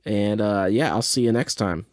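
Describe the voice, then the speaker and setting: Speaking at normal speed in a lowish voice, a slightly drunk man rambles through casual audio commentary on his podcast, laid-back and hesitant as he thinks things through out loud.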